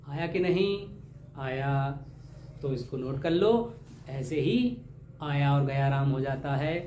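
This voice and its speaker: A man's voice: fairly high pitch, darkish tone, echoey room, slight background noise. A man teaching a grammar lesson for exam preparation. He keeps asking questions and repeating the answers, with homely jokes along the way. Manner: joking, homely teacher talk.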